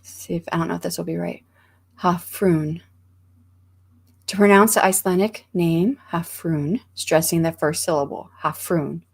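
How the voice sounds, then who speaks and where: Chatty woman host with a gravelly voice. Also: fairly low pitch, steady tone, quick pace. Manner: chatty, rambling, many ums and restarts. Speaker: livestream host reading chat. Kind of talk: casual chat.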